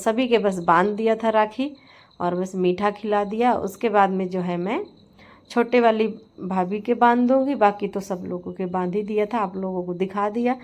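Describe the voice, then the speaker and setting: Woman, middle-aged, casual vlog voice-over, chatty, warm storytelling, mid pitch. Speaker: vlogger.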